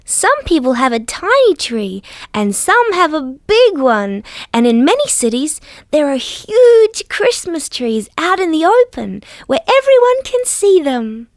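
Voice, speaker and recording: A woman with an Australian accent voicing a friendly, gentle dinosaur who sweetly and patiently tells stories to small children in a children's show. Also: high-pitched, big pitch swings, a little slow, hardly any pauses, no echo, studio quality, exaggerated voice. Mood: gentle, cheerful. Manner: sweet, patient, carefully enunciated. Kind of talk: scripted storytelling for small children.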